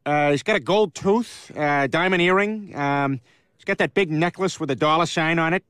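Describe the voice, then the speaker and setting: A man doing a rambling loudmouth cartoon dad. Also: a little high, moderate pace, clear, resonant tone, dry recording, clean studio sound, lightly acted. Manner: rambling, hesitant with many fillers, bursts into shouting.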